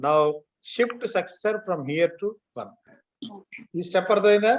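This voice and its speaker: Fast, high-voiced Telugu-accented male teacher. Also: slight background noise. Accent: Telugu Indian. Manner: repeatedly checks that students follow; mixes Telugu and English. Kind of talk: online class lecture, explaining step by step. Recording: dull, lo-fi online class audio.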